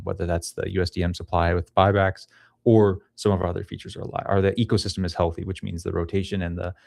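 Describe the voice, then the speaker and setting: Recorded at studio quality and dry, this interview guest has a low, creaky, slightly mellow voice. A man in his thirties who heads the ecosystem at a crypto project, he talks casually and explains things into a boom-mounted podcast mic in a small indoor home room fitted with studio equipment.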